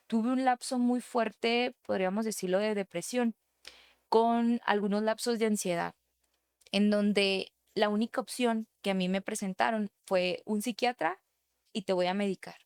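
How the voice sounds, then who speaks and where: A woman's voice: a little high, normal speed, clear, resonant tone, no echo, studio quality. A young adult woman, a psychotherapist, candidly telling a personal story in a podcast interview and acting out the dialogue of the people in it. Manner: earnest, candid, quotes herself and others in dialogue. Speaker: psychotherapist guest.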